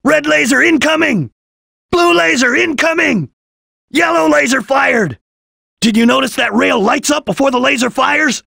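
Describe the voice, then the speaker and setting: A man voicing a serious, vigilant ninja chameleon in a video game, with a husky, gravelly voice and a terse, solemn delivery. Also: very high-pitched, pushed and bright, no room sound, studio quality, heavily acted. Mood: urgent, alert. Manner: terse, solemn, deliberate, formal. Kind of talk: English video game voice acting.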